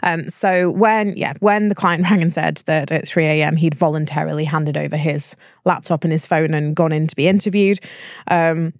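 A woman's voice: sits low, fairly even intonation, normal speed, dry recording, clean studio sound. A woman co-hosting a workplace podcast, explaining cases at length in casual chat and laughing easily. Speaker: podcast co-host, HR adviser.

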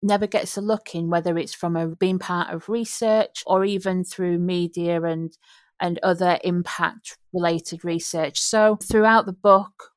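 Low-voiced woman researcher from Yorkshire. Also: fairly even intonation, unhurried, no echo, studio quality. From Yorkshire, England. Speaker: researcher and book author. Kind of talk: panel discussion.

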